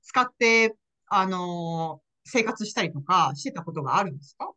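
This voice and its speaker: Hosting a relaxed podcast interview, this ICU nurse has a lowish, animated voice with a sharp tone and a moderate pace. She keeps up frequent nodding backchannels and laughs often.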